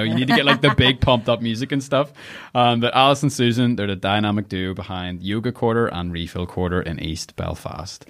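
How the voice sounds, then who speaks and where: A man with a Northern Irish accent hosting a casual interview, chatty and jokey, often laughing. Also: low-pitched. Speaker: podcast host.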